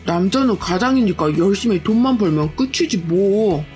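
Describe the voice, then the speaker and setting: A woman's voice: medium pitch, animated, moderate pace, darkish tone, faint music behind, natural voice. A woman voicing a lazy, defensive young husband who whines and brushes off every complaint, as part of a told story. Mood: dismissive. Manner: whiny and irritable, brushing off complaints. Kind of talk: storytelling with acted dialogue.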